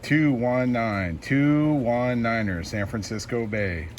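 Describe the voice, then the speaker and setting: A man working a CB radio, calling out call signs and locations in CB radio lingo, with slow, drawn-out repeated calls. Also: mid-range voice. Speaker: CB radio operator. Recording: loud radio static hiss.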